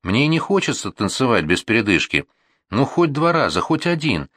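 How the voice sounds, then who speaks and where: A man's voice: mid-range voice, big pitch swings, moderate pace, a bit bright, no room sound, clean studio sound, pitched above the performer's own voice. Guy doing a sulky teen girl, whiny, raised voice, bouncy. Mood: tearful. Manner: whiny, complaining. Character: tearful teenage girl, hurt and sulky. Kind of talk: audiobook reading.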